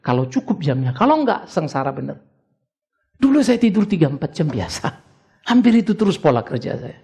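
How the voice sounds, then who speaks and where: A man's voice: on the high side, sing-song, fairly quick, gravelly, a little mellow. An older man preaching a sermon as pastor, conversational at times and then rising into urgent exhortation. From Indonesia.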